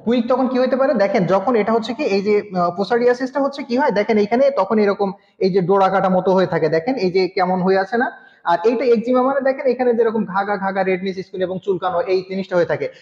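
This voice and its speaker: A man's voice: high-pitched, racing, darkish tone. A male tutor giving a live online class, explaining step by step and often asking his students questions. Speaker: nursing exam tutor. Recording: muffled, echoey room with long reverb.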